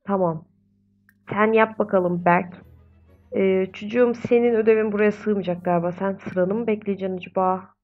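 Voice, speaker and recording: A young woman talks her way through a life-simulation game in a casual, chatty voice. She is often exasperated and coos at the babies. Her mid-pitched voice comes through a slightly dull, lo-fi home mic. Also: fairly even intonation, normal speed, soft background music. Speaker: gaming video host. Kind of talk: casual gameplay commentary.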